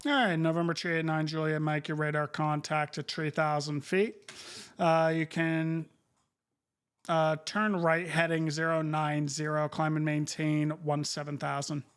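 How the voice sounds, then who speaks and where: Even-toned man working air traffic control radio. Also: on the high side, measured pace, smooth.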